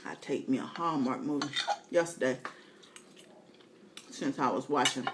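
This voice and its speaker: A middle-aged woman with a very deep voice talks at a measured pace while eating, with background noise in the recording. She's a mukbang vlogger sharing candid, colloquial stories in a casual chat.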